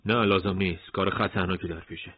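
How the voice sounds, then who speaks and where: A man's voice: low voice, steady tone, husky, no room sound, highs cut off. A man reading a story aloud and voicing a cautious, protective older male fighter who speaks firmly.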